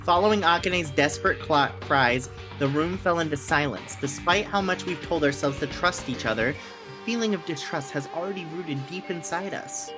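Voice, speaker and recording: A man's voice: fairly high pitch, normal speed, low-quality recording. A man reading a visual novel game aloud as dramatic narration, with casual asides. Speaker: amateur voice reader of a visual novel. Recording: music behind the voice.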